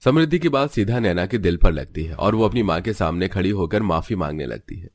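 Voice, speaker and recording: A man narrating a cartoon story in a steady, scripted way. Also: low voice, brisk.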